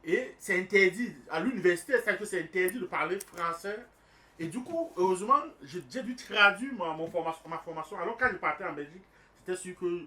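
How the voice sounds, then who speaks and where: A man's voice: high voice, a little fast, bright, forceful tone. A man talking in a casual radio discussion, hesitant and often repeating his words. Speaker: language trainer.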